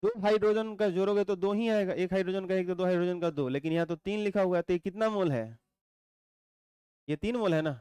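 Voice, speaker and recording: A male teacher, giving a chemistry lecture, explaining slowly and repeating points while quizzing his students. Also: high voice, dark tone, clean tone, dry recording. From India.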